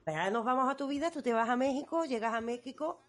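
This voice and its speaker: A woman's voice: sits high, animated, rapid-fire. A woman with an Andalusian accent, interviewing a guest and encouraging him with frequent affirmations.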